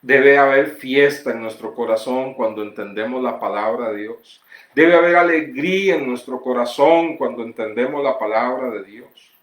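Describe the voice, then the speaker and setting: A man preaching a sermon as pastor, reading scripture slowly and pressing his points with rising emphasis. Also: medium pitch, roomy sound. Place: church.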